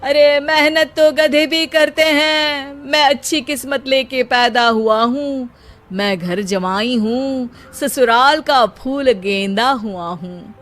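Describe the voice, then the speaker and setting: A woman's voice: high voice, slow pace, fairly bright tone, faint music behind. A woman voicing a lazy, carefree young man who declaims comic rhymes in a cartoon story. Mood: showy, smug.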